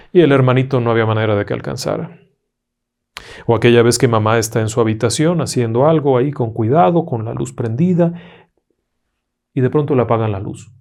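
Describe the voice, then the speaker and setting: A man's voice: mid-range voice, gravelly. Dramatic male ghost-story narrator. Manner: dramatic, hushed in tense moments. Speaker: storyteller host.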